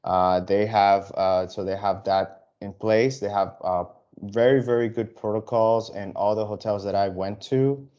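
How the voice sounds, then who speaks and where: Man from the dominican republic, low voice, halting with many fillers, video call webinar, dull audio. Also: steady tone, dark tone. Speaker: airline sales presenter. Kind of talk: webinar presentation.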